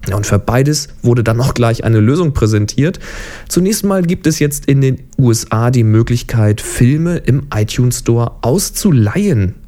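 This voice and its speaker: A man hosts a podcast, talking through tech news in a loose, chatty way with wry little asides. His voice sits in a middle pitch and has a mellow, warm tone. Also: expressive, a little slow. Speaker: podcast host. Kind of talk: casual tech podcast commentary.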